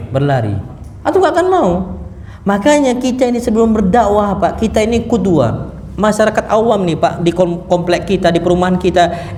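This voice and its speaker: A man giving a lively mosque lecture to a seated audience, acting out sounds and stories as he preaches. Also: high-pitched. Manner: lively, animated, acts out sounds and punchlines. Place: mosque hall. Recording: echoey mosque hall, faint noise.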